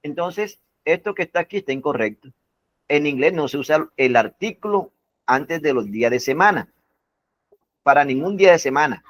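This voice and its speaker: A man's voice: fairly high pitch, lively intonation, fairly bright tone, no room sound. A male English teacher teaching a class, repeating and stressing each word and asking students to confirm. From Colombia. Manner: slow, repetitive, stresses words one by one. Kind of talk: classroom lesson.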